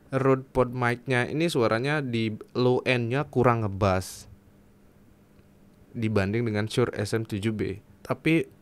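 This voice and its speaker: Smooth-voiced man chatting about gear. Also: medium pitch. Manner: chatty, joking, self-mocking asides. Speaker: gear reviewer. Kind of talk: casual product review. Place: indoors, close to a dynamic mic.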